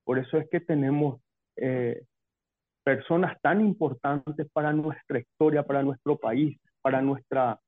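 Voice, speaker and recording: Paraguayan guy on a choppy call, tinny muffled line, dry sound, pausing a lot. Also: medium pitch, dry recording. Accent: Paraguayan Spanish. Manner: measured, with many hesitations and tag questions. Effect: bad connection on a call. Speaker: guest. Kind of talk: casual remote conversation. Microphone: call from a distance.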